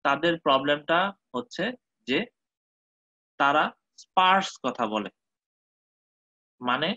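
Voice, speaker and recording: Bright-voiced man giving a medical lecture. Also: fairly high pitch, dry recording. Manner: mixes English terms, checks in with listeners often. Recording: dull, dry close recording.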